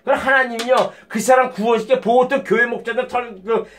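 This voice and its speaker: A man delivers an informal sermon in a notably high voice for a man. He talks bluntly and swears freely. His steady talk keeps breaking into sudden, emphatic outbursts. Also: brisk. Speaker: lay preacher.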